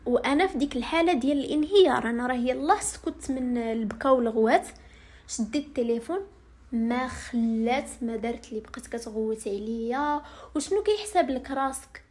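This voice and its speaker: A young woman with a Moroccan accent, telling her own story to viewers in a rapid, aggrieved first-person retelling. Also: on the high side, darkish tone.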